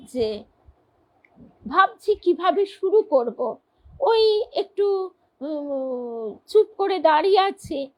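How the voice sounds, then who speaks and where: A woman reading devotional stories aloud and commenting on them in a measured, earnest way. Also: sits high, poor audio. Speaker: reader of devotional texts.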